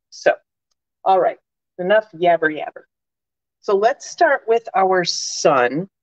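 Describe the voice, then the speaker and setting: Chatting through a crafting live stream with plenty of fillers and asides, a demonstrator speaks in a lowish, darkish voice, nursing a slight cold with a cough drop in her mouth. There is no echo, and the highs are cut off.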